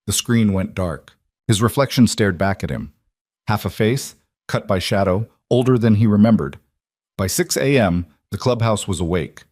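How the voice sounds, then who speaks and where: Male narrator with a low voice, measured and grave, dry close sound. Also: darkish tone, no room sound. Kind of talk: scripted dramatic narration.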